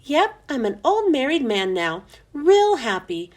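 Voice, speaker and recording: A woman reads a children's storybook aloud, voicing a friendly young male janitor in a high, sing-song voice at a measured pace. The character comes across as casual, chummy, and earnest.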